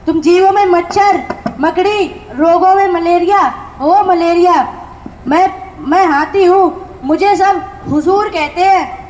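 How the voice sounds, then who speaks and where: A woman's voice: extremely high pitch, takes it slowly, darkish tone. A female performer playing a bragging, mocking alphabet letter in a school stage skit. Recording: echoey room.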